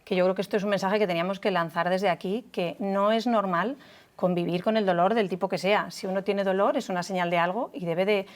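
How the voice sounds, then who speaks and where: A woman doctor on a talk show, explaining in a measured way with some hesitant restarts. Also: medium pitch, fairly even intonation. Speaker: guest, doctor.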